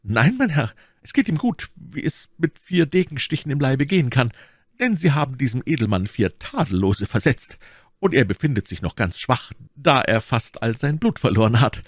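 A man reads an audiobook at a moderate pace, pitching his medium voice above his natural one with big swings in intonation. He's voicing an eager, loyal male servant delivering an earnest report, recorded in studio quality with no room sound.

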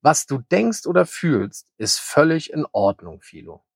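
A man voicing a very old, calm and kind grey male hare in a children's story, speaking gently and wisely. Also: on the high side, a little slow, gravelly, breathy edge, dry recording, studio quality, exaggerated voice. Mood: gentle. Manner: gentle, soothing, wise.

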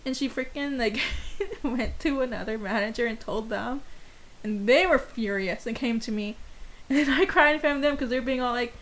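A soft-spoken woman in her twenties chatting frankly, laughing often. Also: fairly high pitch, moderate pace. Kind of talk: casual chat.

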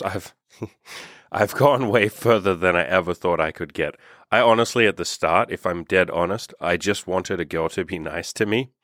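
A man's voice: sits low, fairly bright tone, no echo, clean studio sound. A man in his thirties, a dating and self-improvement coach, talking candidly and upbeat in a casual podcast monologue, swearing freely. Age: 30s. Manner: candid, upbeat and heavily profane.

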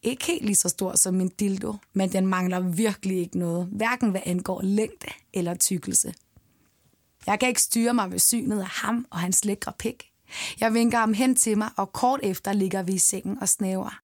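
Brief: female narrator for an intimate first-person audio story, gravelly low edges, dry. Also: fairly even intonation, dry recording.

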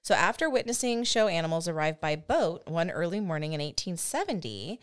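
A woman's voice: on the low side, sing-song, brisk, clear, resonant tone. A woman in her thirties hosting a podcast, telling a history story in a chatty, self-deprecating way with frequent laughs. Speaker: podcast host. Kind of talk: casual storytelling chat.

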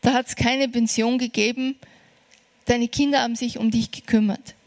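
A woman preaching a sermon, earnest and encouraging, slowing down for emphasis. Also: a little high, fairly even intonation.

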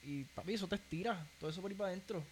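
A young man with a Puerto Rican accent tells stories in a casual podcast chat, animated and full of slang. His voice sits fairly high. A faint hiss of room noise runs under the talk. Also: rapid-fire. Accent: Puerto Rican Spanish. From Puerto Rico. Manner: animated storytelling, slangy, keeps saying "papi".

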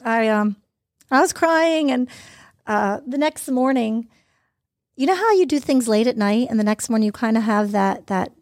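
A woman's voice: on the high side, expressive, moderate pace, no room sound, clean studio sound. A woman telling her family's story in an interview, earnest and fluent. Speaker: interview guest, mother. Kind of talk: personal testimony, casual storytelling.

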